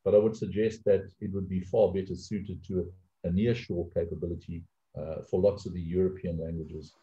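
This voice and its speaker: Joining a webinar by video call from a home office, a middle-aged South African outsourcing panelist speaks emphatically with frequent restarts and repeated words. His low, mellow voice is flat in delivery and a little fast. The room echoes and the call audio is dull and lo-fi.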